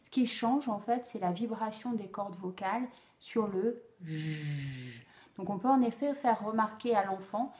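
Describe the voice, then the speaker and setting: Woman, teacher, slow, deliberate, many pauses, echoey room. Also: medium pitch, darkish tone. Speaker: speech therapy teacher. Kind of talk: instructional explanation for parents.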